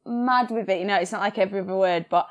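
A young Yorkshire woman from England chats casually as a podcast guest, laughing often and swearing freely. Her mid-range voice moves at a quick pace, and the recording sounds muffled.

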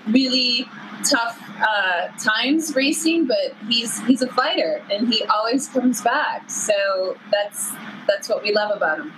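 A woman's voice: a little high, lively intonation, slow pace, a bit bright, slight background noise, rough recording. A woman in her fifties telling personal stories in a conversational way as an interview guest. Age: 50s. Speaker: guest, cycling team staff.

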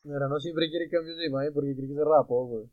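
A young man hosting a casual podcast chat, telling animated stories full of swearing. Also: fairly high pitch, fast talker, narrow, tinny audio. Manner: animated crude storyteller, swears a lot. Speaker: podcast host.

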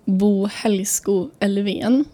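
A young woman in her twenties, a podcast co-host recovering from a cold, chatting casually with many hesitations. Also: mid-range voice. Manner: hesitant, many fillers, trails off softly. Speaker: podcast co-host, psychology student. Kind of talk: casual chat.

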